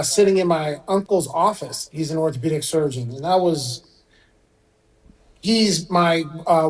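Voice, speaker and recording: On this rough recording, the Iranian-born surgeon, middle-aged and speaking a little high, talks as a radio interview guest. His explanations come out relaxed, with the odd filler.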